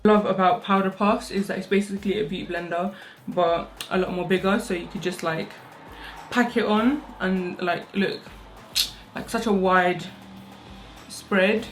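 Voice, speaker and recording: A young makeup vlogger does her makeup at home and talks through it quickly and casually, her mid-range voice sleepy and fairly even in intonation. It's a chatty, rushed get-ready-with-me tutorial full of fillers, recorded indoors on her own microphone with faint music in the background.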